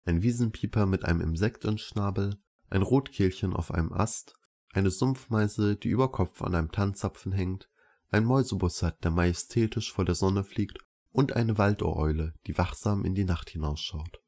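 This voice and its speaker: A man calmly reading a first-person story aloud as narrator, in a measured pace. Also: low voice.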